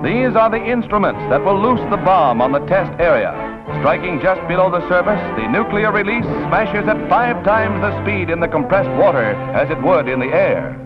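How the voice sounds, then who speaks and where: A man's voice: high-pitched, very animated, normal speed. A man with an American accent narrating a scripted 1940s newsreel in a dramatic, emphatic announcing manner. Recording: dull lo-fi 1940s newsreel soundtrack. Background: loud music.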